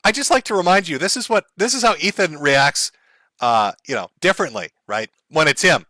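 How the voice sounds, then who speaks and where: A man's voice: on the high side, expressive, brisk, sharp tone, dry recording. A man hosting a stream, telling a story in a profane, sarcastic way with frequent laughs and mock voices. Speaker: commentary streamer host. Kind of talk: mocking stream commentary.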